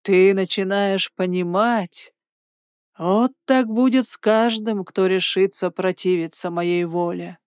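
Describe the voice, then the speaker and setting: A woman voicing a cold, hissing, unseen male creature who mocks the heroine in a slow drawl. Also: mid-range voice, darkish tone, smooth, no room sound, clean studio sound, lightly acted. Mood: mocking menace.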